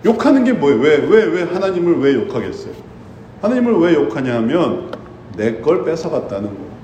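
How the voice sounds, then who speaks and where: A man preaches a sermon, his voice sitting a little high. He delivers it animatedly and acts out the words of imagined believers. The room is echoey, with faint ambience behind him. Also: sing-song, moderate pace, mellow, a little hiss or hum. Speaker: pastor.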